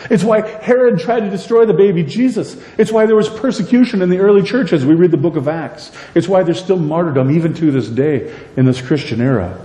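A middle-aged man preaching a sermon from the pulpit, animated and conversational, often asking "right?". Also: high-pitched, fairly quick, hardly any pauses. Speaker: pastor. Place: church sanctuary with a pulpit. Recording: echoey church hall, voice a bit distant.

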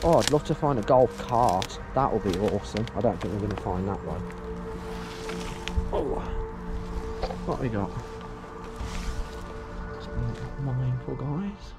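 A medium-pitched man with lively intonation talks at a measured pace, pausing often, as he vlogs through an abandoned site outdoors. Chatty and thinking aloud, he frequently calls his viewers "guys" in this casual walk-and-talk. Background music is present.

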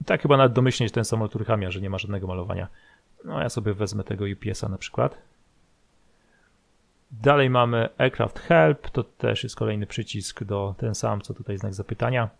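A man giving casual, somewhat halting commentary as he walks through a screen tutorial. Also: lowish voice, vocal fry. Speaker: flight simulator video host. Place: voice-over recorded over screen capture.

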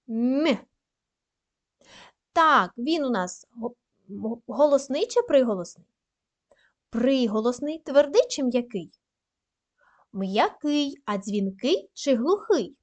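High, lively-voiced primary school teacher. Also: female voice. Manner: slow, careful dictation with frequent praise. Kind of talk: recorded lesson for young pupils.

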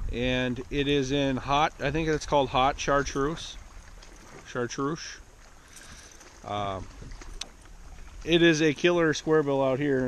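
A man in his thirties, a fishing vlogger, talking casually and rambling to an action camera from a small boat on a lake and later from inside a truck. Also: mid-range voice. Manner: laid-back, rambling, plain-spoken. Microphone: action camera close by. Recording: wind and water noise outdoors. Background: wind and water.

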